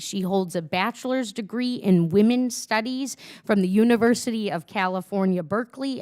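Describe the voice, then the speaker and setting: Woman reading witness introductions. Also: mid-range voice. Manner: steady reading with small stumbles. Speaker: subcommittee chair introducing witnesses. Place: congressional hearing room.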